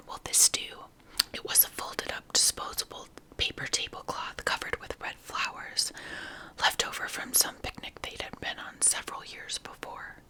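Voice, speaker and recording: A woman reading a story aloud as whispered ASMR, softly and unhurriedly in short phrases. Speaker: ASMR reader.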